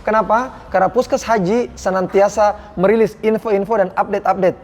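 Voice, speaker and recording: A man's voice: sits high, fairly even intonation, moderate pace, darkish tone. A man, a doctor on hajj health duty, telling his experiences in an earnest, devout and emotional way during an interview. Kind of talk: interview storytelling.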